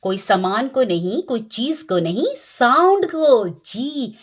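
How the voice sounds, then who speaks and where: A woman's voice: mid-range voice, animated, slow, slightly rough. A woman teaching Quran recitation in a patient lesson, often checking that her listeners follow and demonstrating the sounds herself.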